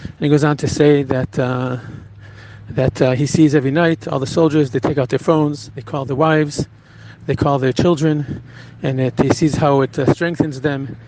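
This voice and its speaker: A rabbi recounting a personal story in an earnest, halting way, with frequent restarts. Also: male voice, on the high side, fairly even intonation, background noise.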